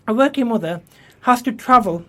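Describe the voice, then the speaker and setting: A man's voice: extremely high pitch, animated, brisk, a bit bright. A man, an election candidate answering radio interview questions earnestly, often restarting and repeating words in a studio. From England.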